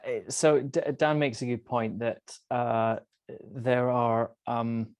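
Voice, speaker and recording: A playful man co-hosting a podcast who likes to tease his guests. His voice is of middling pitch. The sound is dry and close. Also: steady tone, slow, darkish tone, clear, resonant tone, no room sound. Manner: teasing and playful. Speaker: podcast co-host. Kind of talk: casual podcast chat.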